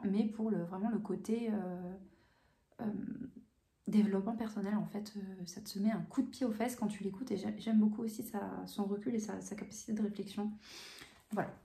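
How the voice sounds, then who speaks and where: A woman answers viewer questions in a relaxed, unscripted chat, stopping often to restart her sentences and fill pauses. Her voice is mellow and even, with little rise and fall. The sound carries a roomy echo from the room she records in. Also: medium pitch. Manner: hesitant, many fillers and restarts; calm, even delivery. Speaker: coloring channel host. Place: home room with bookshelves.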